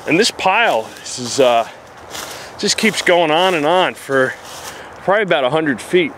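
Expressive and a bit bright, this man's voice runs on the high side at normal speed, with slight background noise. He's a New Jersey-accented explorer vlogger in the woods, casually describing what he stumbles on to a handheld camera in simple narration sprinkled with fillers.

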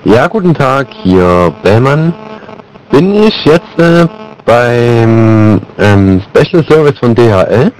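In a noisy amateur recording of a phone prank, a man with a mid-range voice makes a prank call. He's very animated yet slow-paced, chatting casually in a straight-faced, hesitant way.

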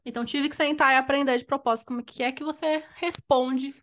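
Woman, young adult, podcast co-host, somewhat high pitch, casual, reflective, restarts. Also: fairly even intonation, quick pace, a bit bright. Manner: reflective, thinking aloud with many restarts.

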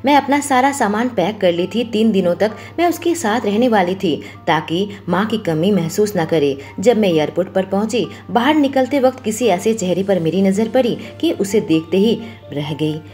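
A woman narrating a romantic audio story as a storyteller, with a steady, expressive reading. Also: mid-range voice, moderate pace, few pauses, faint music behind.

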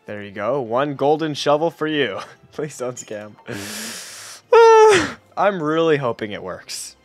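A young man chats through his gameplay in a casual, rambling way, laughing often and letting sentences fade out quietly. His voice sits at a middle pitch and is recorded dry and close, with no room sound. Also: expressive, moderate pace, no echo, soft background music. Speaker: gaming YouTuber.

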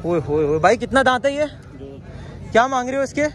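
A man's voice: very high voice, very animated, a little fast. A young man vlogging as he walks through an outdoor cattle market, bantering with sellers and exclaiming at the animals. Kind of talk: walking cattle-market vlog. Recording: crowd noise around. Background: crowd chatter.

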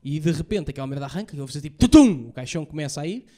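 A young man with a European Portuguese accent doing a stand-up set, telling profane stories rapid-fire and acting out the lines he quotes. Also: a little high, dark tone. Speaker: stand-up comedian. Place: comedy stage before a live audience.

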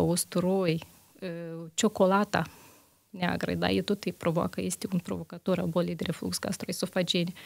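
A woman's voice: mid-range voice, vocal fry, no echo. A woman internist answering interview questions on a health show, methodical, listing examples with frequent hesitations.

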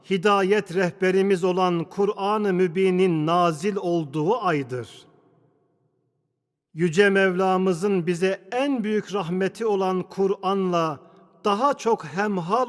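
The preacher, a man whose voice sits high, gives a solemn, formal Friday sermon at a very slow pace. His delivery is measured and declamatory, with deliberate breaks between phrases, and a large hall lends it a long, cathedral-style echo.

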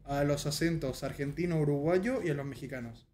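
A man's voice: fairly high pitch, a little fast, slight background noise. A man from Paraguay with a Paraguayan Spanish accent, hosting a casual chat in a joking, slangy manner. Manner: relaxed, joking, rioplatense slang. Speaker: host.

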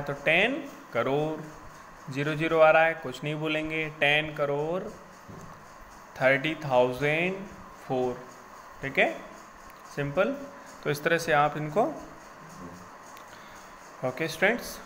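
A man's voice: fairly high pitch, a bit bright, a little hiss or hum. A man teaching a recorded math lesson to children, patiently repeating each step and reassuring them it is simple.

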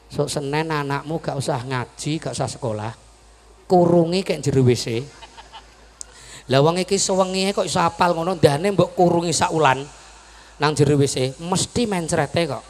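A man with an East Javanese accent preaching a humorous sermon, joking, calling out to the audience and shouting at the high points. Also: normal speed. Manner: animated, jokey, shouts at climaxes, keeps calling to the audience. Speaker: Islamic preacher. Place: outdoor gathering at a village mosque yard.

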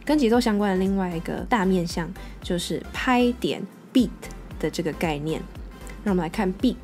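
A woman with a Taiwanese Mandarin accent explaining music vocabulary in a patient lesson, repeating English terms slowly. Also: fairly low pitch, darkish tone.

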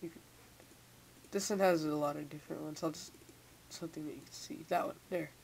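Halting teen with braces, hissy mic. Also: medium pitch, fairly even intonation, creaky, darkish tone. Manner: slightly impeded speech from a sore mouth with newly tightened braces; halting, repeats words. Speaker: software tutorial maker. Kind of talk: casual unscripted screen tutorial. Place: indoors at a computer. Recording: hissy, noisy home microphone.

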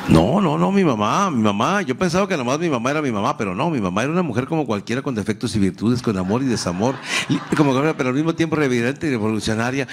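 A middle-aged Mexican man doing profane, animated stand-up storytelling. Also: medium pitch, a little hiss or hum. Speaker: comedian. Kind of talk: stand-up comedy.

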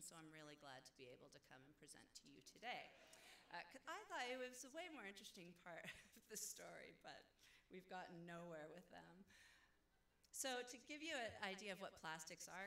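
A woman scientist gives a conversational conference talk with slides in a deep, slightly bright voice, using many "uh" fillers and correcting herself. The room is echoey, with faint background noise.

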